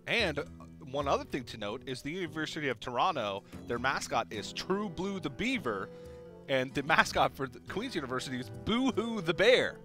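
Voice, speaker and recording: A young male esports caster with a bright, forward voice that swings up and down a lot. He trades playful banter with his co-caster, and soft music runs underneath him. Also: a little high, big pitch swings, normal speed. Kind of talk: tournament commentary.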